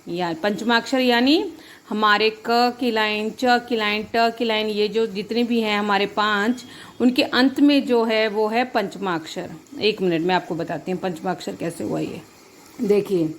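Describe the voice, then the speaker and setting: A woman teacher giving a grammar lesson, patient, repeating each point and checking that her students follow. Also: medium pitch. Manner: addresses students as children.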